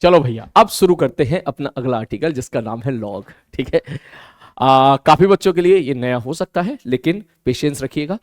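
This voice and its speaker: A male teacher giving an online maths lesson in a lively way, slowing down to spell out terms and answering his own questions in his students' voices. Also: mid-range voice, no echo, clean studio sound.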